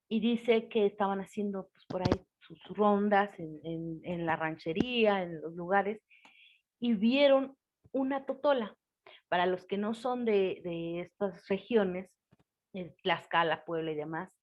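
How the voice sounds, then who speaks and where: A woman casual storyteller, chatty and unhurried, dull lo-fi sound. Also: medium pitch. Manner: conversational, many fillers, voices quoted characters. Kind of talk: casual spoken folk tale. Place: lives in Tlaxcala. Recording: dull lo-fi recording.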